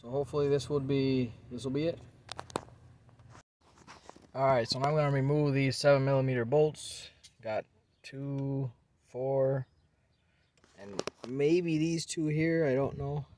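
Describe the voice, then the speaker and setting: Relaxed man talking through a car repair. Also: mid-range voice, normal speed, pauses often, slight background noise. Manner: relaxed, rambling, thinks aloud with fillers. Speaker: car repair video maker. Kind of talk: casual how-to narration. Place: inside a car.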